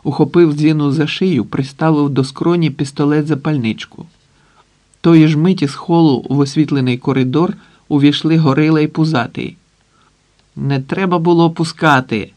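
A man reading a novel aloud as audiobook narrator, with measured, dramatic pacing. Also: fairly high pitch, fairly even intonation, mellow.

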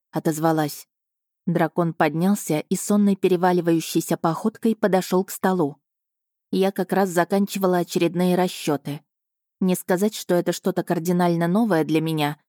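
A woman narrating an audiobook in the first person, with a measured, even storytelling delivery. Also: fairly low pitch, dry recording, studio quality.

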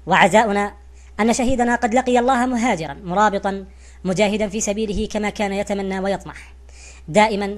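A woman giving a scripted narration in a formal, literary reading style. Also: medium pitch.

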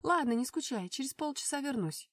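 Lady reading as a bubbly younger sister, high and loud, kinda distant dry mic. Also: expressive, a little fast, dry recording. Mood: giddy. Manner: breathless, high and loud when alarmed. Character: excitable young woman, the narrator's gossipy sister.

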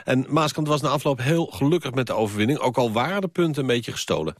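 A man's voice: mid-range voice, expressive, fast talker, no room sound. Male radio sports presenter. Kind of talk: studio link between reports.

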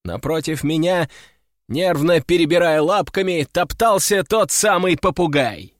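A man narrating a first-person audiobook story in a wry, measured way. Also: fairly high pitch, dry recording, clean studio sound. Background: faint music.

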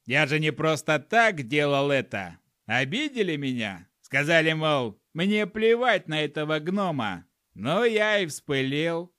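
A man's voice: fairly high pitch, very animated, measured pace, a bit bright, dry recording, clean studio sound. A man voicing a foul-mouthed, hot-tempered male gnome who grumbles and swears constantly in an audiobook. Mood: grumbling. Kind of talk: audiobook character voice.

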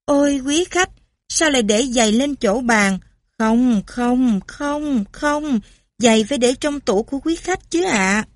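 A woman's voice: high-pitched, measured pace, dry recording. Woman doing a flustered French maid. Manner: startled, fussing.

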